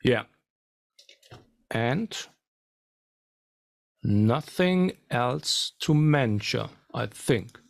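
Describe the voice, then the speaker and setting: A man demonstrating guitar amp settings, explaining in a halting way. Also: medium pitch, expressive, vocal fry. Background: faint guitar playing.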